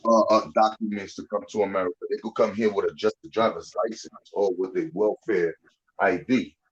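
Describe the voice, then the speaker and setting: Through a muffled recording, a lowish-voiced Dominican man in his 40s hosts a podcast, speaking bluntly with plenty of swearing in loose conversation. He keeps tacking on "you know what I'm saying."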